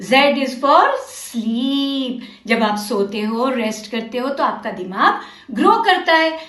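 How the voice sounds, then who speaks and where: A woman teacher with a high voice takes a children's literacy lesson slowly and patiently. She encourages her young learners and mixes Hindi with English. The sound has an echoey room around it. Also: bright, forceful tone.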